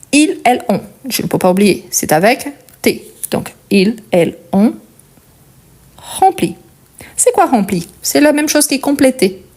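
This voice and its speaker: A woman's voice: mid-range voice, darkish tone. A woman with a Portuguese accent teaching a French conjugation lesson, explaining patiently step by step and checking in often with the learner.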